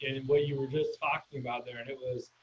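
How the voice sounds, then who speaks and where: A man's voice: mid-range voice, little pitch movement, fast. A man hosting a podcast interview, chatty and enthusiastic, over a video call. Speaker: podcast host, loan officer. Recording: dull lo-fi audio, faint hiss.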